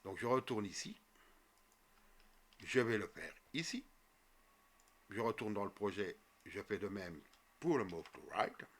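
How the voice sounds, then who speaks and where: A man walking viewers through a coding tutorial step by step as he types, with frequent fillers and quick self-corrections. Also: on the low side, expressive, a bit bright. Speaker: programming tutor. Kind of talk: screen-recorded coding tutorial.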